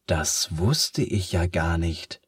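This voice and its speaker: A man voicing a sad, weary sun that talks slowly and sighs, in a children's storybook. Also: deep voice, expressive, breathy edge, no echo, clean studio sound, exaggerated voice. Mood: downcast, slow. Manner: slow, sighing, downcast.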